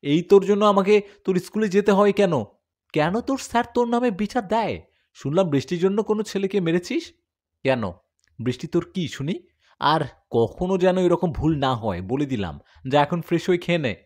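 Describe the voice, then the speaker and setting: A man voicing a stern father who scolds his son with loud, sarcastic rebukes. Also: high-pitched, expressive, moderate pace, pitched above the performer's own voice. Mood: angry scolding.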